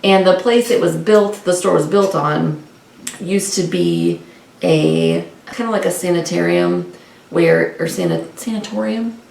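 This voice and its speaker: On a book discussion vlog, a female co-host rambles through casual, unscripted book chat, frequently correcting herself. Her voice sits on the low side, a little slow, darkish and with vocal fry. A distant mic picks her up in a roomy space with faint noise.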